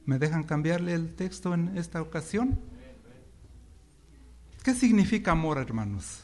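A man preaches a sermon in a church through a microphone. He draws the congregation in with questions and call-and-response, and his voice sits a little higher than most men's. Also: animated, measured pace, a little mellow. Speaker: pastor.

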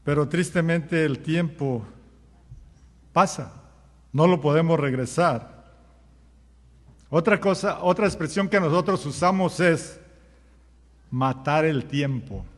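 A man's voice: fairly high pitch, slow pace, long pauses, big-room sound. A man preaching a sermon as pastor, firing rhetorical questions at the congregation and acting out common sayings. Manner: acts out everyday sayings in quoted voices.

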